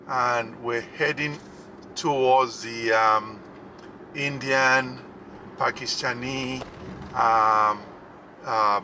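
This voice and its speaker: Guy doing a casual driving tour vlog, bright voice, pauses a lot, bit of car noise behind him. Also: medium pitch. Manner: halting, hesitant, pausing often. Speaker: vlogger, driving tour host. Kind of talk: casual unscripted driving commentary. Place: inside a moving car. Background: faint vehicle noise.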